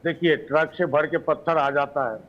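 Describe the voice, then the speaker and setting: Man, debate guest, slightly high voice, muffled lo-fi audio. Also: steady tone, normal speed. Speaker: panel guest. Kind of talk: political debate.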